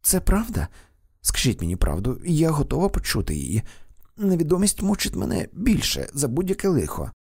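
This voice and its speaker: A man's voice: a little high, huge pitch swings, fairly quick, darkish tone, breathy edge, no echo, clean studio sound, pitched above the performer's own voice, exaggerated voice. A man reading an audiobook voices a young countess who pleads desperately for the truth. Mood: pleading. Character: young countess, anguished, trembling.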